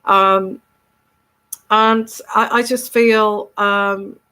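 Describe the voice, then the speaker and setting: A tarot reader hosting her channel speaks through a bunged-up nose from a cold, her middle-range pitch bright, forceful, and clean but moving little as she talks very slowly. In this casual solo video monologue she chats with her audience, keeps tagging on "okay?", and restarts often, tripping over repeated words.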